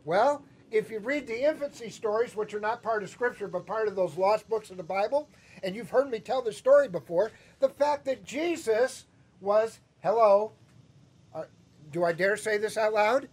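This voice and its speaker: A Chicago pastor with a Chicago accent preaches a sermon in a church sanctuary, keeping it conversational and teasing while he asks the congregation questions. His high, slightly rough voice has lively intonation and a normal speed.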